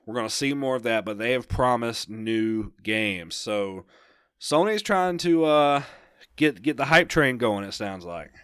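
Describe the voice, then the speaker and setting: A man's voice: medium pitch, expressive, a little slow, a bit bright, clean tone, no echo, studio quality. A young man co-hosting a casual gaming podcast, rambling and enthusiastic, laughing often. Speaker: podcast co-host.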